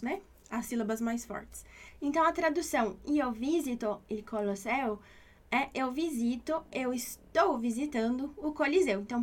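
A woman with a Brazilian Portuguese accent teaching an Italian lesson, patiently repeating each point and checking in with the listener. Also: high voice. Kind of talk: online language lesson.

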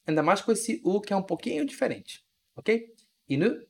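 A language teacher gives a recorded video lesson, repeating each word slowly and often checking that the learner understands. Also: medium pitch, lively intonation, creaky, a little mellow.

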